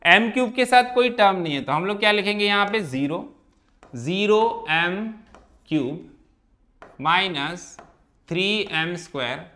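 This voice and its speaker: A man's voice: high voice, normal speed, bright, forceful tone. A man teaching a math lesson, talking students through each step and often checking whether they follow. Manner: keeps asking checking questions. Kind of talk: classroom lesson explanation.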